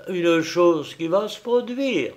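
A man's voice: high-pitched, expressive, takes it slowly, voice pushed up. A man putting on a sly, mocking old cop. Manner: ironic, taunting. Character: sly mocking older male police agent.

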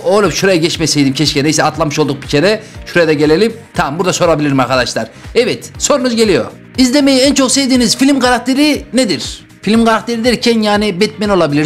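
A young man with a high, quick voice gives running commentary on a game he is playing. He is excitable and chatty, speaking straight to his viewers. Faint game music plays underneath. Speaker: gaming YouTuber. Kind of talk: casual Roblox gameplay commentary.

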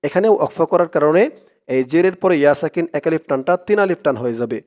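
A man with a Bangladeshi Bengali accent teaching Quran reading, spelling out letters and vowel marks one by one, then reciting each phrase slowly with long drawn-out vowels. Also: on the high side, animated, a little mellow. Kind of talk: step-by-step Arabic reading lesson.

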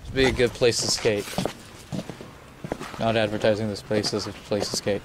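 A young vlogger films himself exploring an abandoned factory, moving outdoors and inside while offering casual walking commentary. His lowish voice holds a steady tone at a moderate pace, laid-back, self-mocking and chuckling. A handheld camera mic picks up outdoor noise.

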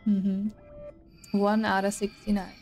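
A woman's voice: medium pitch, completely flat delivery, slow, a little mellow. A woman, chatting casually to her viewers while playing a game. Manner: chatty, talks to chat. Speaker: streamer. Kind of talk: casual gameplay commentary. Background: game music.

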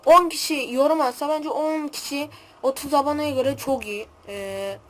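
A teenage girl hosting a gaming channel, giving excitable, hot-tempered gameplay commentary full of trash talk. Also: high-pitched, normal speed.

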